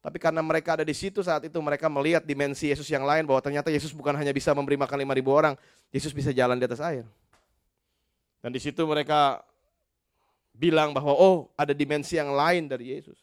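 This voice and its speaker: A middle-aged man from Indonesia preaching an animated sermon, telling stories and mixing English phrases into his talk. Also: mid-range voice, fast, smooth. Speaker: pastor. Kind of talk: sermon with storytelling.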